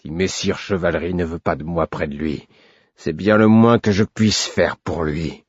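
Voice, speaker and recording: A gruff, bitter stablemaster who has been drinking, as a man puts him on in a storybook reading. His voice is low and husky, brooding with quiet menace before it bursts into roaring anger. The recording is dry and a little dull. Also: fairly even intonation, measured pace, no room sound. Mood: roaring angry.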